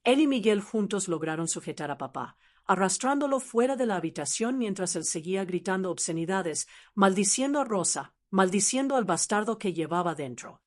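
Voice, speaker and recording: A woman's voice: mid-range voice, expressive, moderate pace. A woman telling a scripted first-person family drama in a dramatic storytelling delivery.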